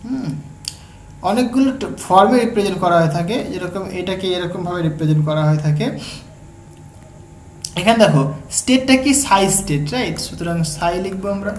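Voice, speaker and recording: A woman with a Bengali accent giving an exam-prep physics lecture, breaking each step down slowly and checking in with her students as she goes. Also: mid-range voice. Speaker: physics tutor. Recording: echoey room, faint background hum.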